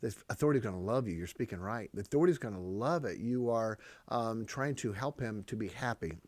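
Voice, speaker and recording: A man's voice: on the low side, animated, brisk, a little mellow, no echo. A man hosting a parenting podcast, teaching proverbs in an emphatic, repetitive way and chuckling often. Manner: emphatic, repeats key phrases, chuckles often. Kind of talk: preachy parenting talk on proverbs.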